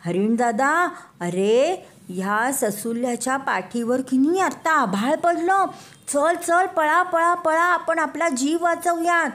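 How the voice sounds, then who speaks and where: A woman voicing a small excitable baby chick in a children's story, squeaky and urgent. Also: unhurried. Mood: alarmed.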